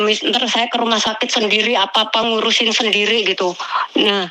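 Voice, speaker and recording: Woman, high voice, animated, complaining, casual storytelling. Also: rough recording. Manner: animated, complaining, keeps addressing the listener as Miss. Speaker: migrant domestic worker telling her story.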